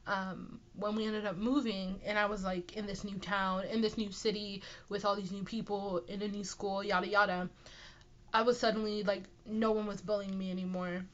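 A woman's voice: medium pitch, little pitch movement, moderate pace, dull audio. Nasal, congested young woman chatting casually. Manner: apologetic, self-deprecating, rambling. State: sick with a stuffy nose. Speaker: podcast host and aspiring author. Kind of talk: casual solo chat answering listener questions.

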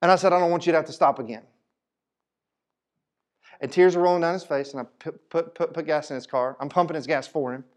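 A man preaching a sermon as pastor, telling stories in a lively, animated way with casual Southern phrasing. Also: fairly high pitch, fast, pauses often. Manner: animated storytelling, Southern speech. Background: congregation responses.

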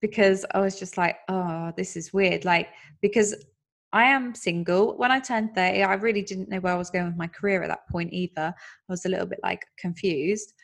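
A woman's voice: mid-range voice, fairly even intonation, normal speed, creaky. A woman in her thirties talks through life and happiness in an easy, chatty way. She speaks earnestly and laughs often as she goes. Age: 30s. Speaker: podcast host. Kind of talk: casual chat.

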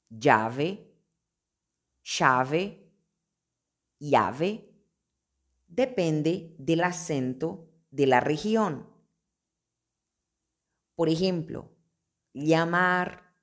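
A woman gives a pronunciation lesson, naming each letter and then sounding out example words one by one. She speaks very slowly, with long pauses between words. Her voice sits a little low. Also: darkish tone. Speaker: Spanish teacher. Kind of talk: slow, deliberate pronunciation lesson.

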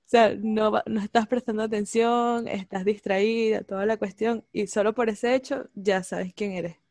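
A woman in casual chat, lively and slangy, laughing often and acting out quotes. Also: mid-range voice, normal speed, no echo, studio quality.

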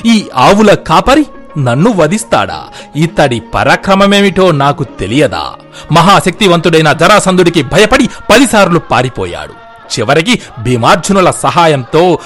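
A boastful, scornful king, as a male storyteller puts him on, pitched up and swinging through taunts and sneers. The voice jumps around, full of mockery. Soft music sits faintly behind. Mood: jeering. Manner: taunting, jeering insults. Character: arrogant scornful king, adult man, mocking and boastful.

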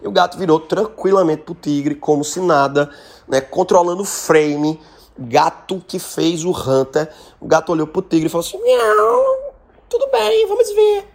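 A man with a Brazilian Portuguese accent teaching how to tell stories in a loose, conversational way. He is animated and slangy and keeps tossing in little tag questions. His voice sits slightly high for a man. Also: moderate pace. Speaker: speaking trainer. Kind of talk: casual storytelling lesson.

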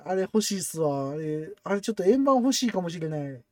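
A man with a Kansai accent hosting a casual podcast chat, talkative and quick to laugh as he tells stories. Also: high voice, a crowd in the background. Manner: chatty, laughs often, excitable storytelling. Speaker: podcast host.

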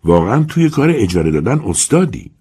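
A man voicing a gossipy older servant woman who speaks in a husky, hushed, conspiratorial way. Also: on the low side, big pitch swings, voice pushed up. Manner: slow, conspiratorial.

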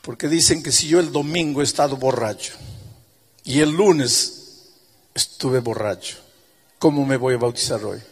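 A man voicing a grieving former drunkard who speaks quietly and pleads in a remorseful tone, heard with the long reverb of a large hall. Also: mid-range voice, moderate pace, long pauses, husky. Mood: pleading.

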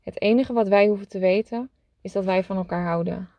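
A woman voicing a gentle, wise old horse in a storybook, speaking softly and reassuringly. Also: medium pitch, brisk, no room sound, dull audio, close to an everyday voice.

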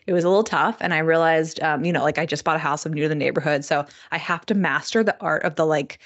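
A woman's voice: low voice, fast talker. A woman co-hosting a casual book podcast over a video call, chatty and always backchanneling with mm-hmms. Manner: chatty, constant mm-hmm backchannels. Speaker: podcast co-host. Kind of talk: casual chat. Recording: dull lo-fi call audio.

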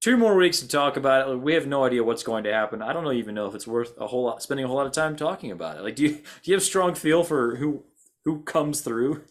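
A man's voice: medium pitch, lively intonation, quick pace. A young man co-hosting a college football podcast, recapping games with dry sarcasm. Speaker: podcast co-host. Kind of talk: casual sports talk.

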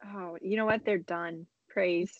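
A woman's voice: lowish voice, measured pace, dry recording. A young woman in her twenties co-hosting a casual podcast, telling stories and acting out her own past remarks. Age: 20s. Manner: animated storyteller who acts out her own past remarks. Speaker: co-host. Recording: dull lo-fi internet call audio.

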